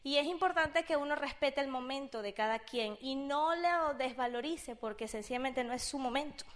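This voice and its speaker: A woman with a Venezuelan accent telling a personal story in a casual, animated way, acting out the voices of people she quotes. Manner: animated, acts out quoted voices with big pitch jumps. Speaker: speaker sharing a personal business testimony.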